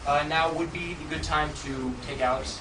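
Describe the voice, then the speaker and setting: A high-pitched man performs jokey theatrical magician patter for a live audience. His voice carries across an echoey room, picked up from far off. He talks like a showman running a trick with volunteers, with loud noise over the recording. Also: steady tone, moderate pace. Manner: jokey, chuckles at own jokes. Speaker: stage magician.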